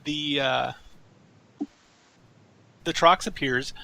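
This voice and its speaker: A man's voice: fairly high pitch, extremely slow, vocal fry, pushed and bright. A man running a tabletop game over voice chat, easygoing and hesitant, with lots of fillers and laughter. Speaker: game master.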